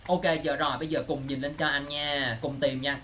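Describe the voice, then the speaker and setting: A man's voice: medium pitch, flat delivery, pushed and bright, a little hiss or hum. A man teaching an English exam class, constantly checking that his students are following. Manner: keeps checking students follow with quick questions. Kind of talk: lively online class teaching.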